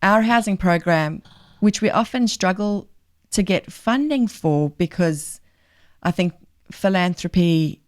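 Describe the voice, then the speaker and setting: A middle-aged woman with a faint South African accent, a charity leader, is a guest on a podcast interview. She's earnest and emphatic and thinks aloud with fillers, in a lowish, animated voice that takes things slowly.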